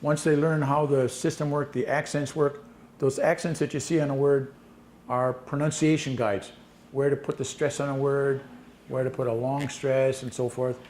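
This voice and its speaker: A man at a conference breakout session answers questions in a plain, matter-of-fact way. His voice is mid-pitched and sits in an echoey room with a faint hiss behind it. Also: level tone, normal speed, a little mellow. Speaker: language teacher presenting a session. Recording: echoey room, mic from a distance, faint noise.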